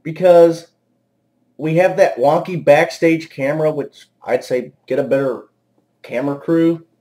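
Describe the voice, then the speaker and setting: A man rants through a wrestling show review, exasperated and swearing freely. His voice sits high for a man, and the sarcasm comes through. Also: fairly even intonation, measured pace, dark tone. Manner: exasperated and profane. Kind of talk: angry ranting commentary.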